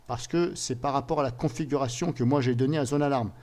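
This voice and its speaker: A man's voice: medium pitch, a little mellow. A man walks viewers through a computer program on screen, talking casually as he clicks. He hesitates and restarts often and keeps dropping in little filler words between steps. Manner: casual, fills pauses with "voilà" and "hop"; thinks aloud, restarts and hesitates. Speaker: software tutorial presenter. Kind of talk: screen-recorded software tutorial.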